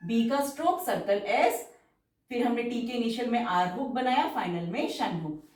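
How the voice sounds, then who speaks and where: An Indian woman teaching shorthand, dictating words slowly and then explaining each outline step by step. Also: on the high side, darkish tone. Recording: echoey room, voice far from mic.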